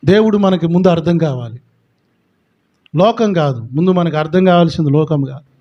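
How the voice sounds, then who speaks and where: Pastor, male, high voice, forceful preaching full of rhetorical questions; dull lo-fi recording. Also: moderate pace. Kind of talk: sermon.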